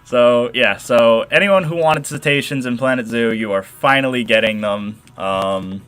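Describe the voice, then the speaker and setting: A young man with a nasal voice hosts a casual modding livestream into a desk microphone. He rambles, doubles back and answers chat as he goes, at an ordinary middle pitch. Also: unhurried, fairly bright tone, smooth, faint music behind.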